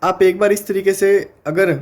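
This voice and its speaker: A man with an Indian accent teaching an exam-prep phonetics lesson, explaining step by step and sounding words out slowly. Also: high-pitched, steady tone.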